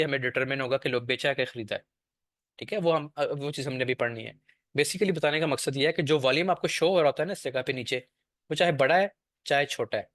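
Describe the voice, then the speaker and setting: A man's voice: a little high, a bit bright, dry recording. Man, trading lesson, patient explaining, dry close recording. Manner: explanatory, checks in with "ठीक है?" often. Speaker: trading teacher. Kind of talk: screen-share lesson.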